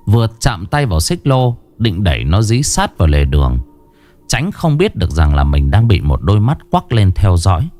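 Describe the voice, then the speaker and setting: Expressive male storyteller, faint music. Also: fairly low pitch, normal speed. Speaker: narrator. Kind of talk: horror story narration.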